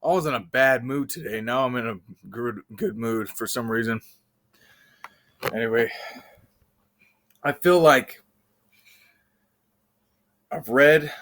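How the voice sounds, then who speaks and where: A man's voice: medium pitch, takes it slowly, long pauses, a bit bright. A man in a casual, slangy, rambling vlog style, talking while burping. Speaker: video creator. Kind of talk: casual rambling vlog talk with freestyle rhyming.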